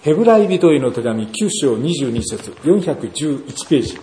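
Male pastor, sermon delivery, lively pitch movement, faint room ambience. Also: a little hiss or hum. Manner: measured preaching, rhetorical questions. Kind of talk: sermon with scripture reading. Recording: roomy echo, faint ambience.

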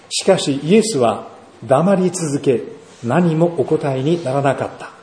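Male pastor, sermon delivery, lively pitch movement, faint room ambience. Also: slight background noise. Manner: measured preaching, rhetorical questions. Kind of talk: sermon with scripture reading. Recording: roomy echo, faint ambience.

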